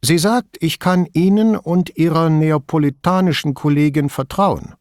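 A man's voice: a little high, a little mellow, no echo, clean studio sound, voice pushed up, natural voice. A man doing a curt, wary woman on the phone. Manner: curt, hurried. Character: wary middle-aged widow on the phone, curt. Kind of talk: audiobook dialogue.

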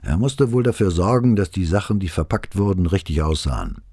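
Give me a man playing a nervous, evasive foreman in an audiobook, lively in pitch. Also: fairly quick, slightly rough, no echo, full character voice. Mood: uneasy. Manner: uneasy, evasive. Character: nervous working-class male foreman under questioning.

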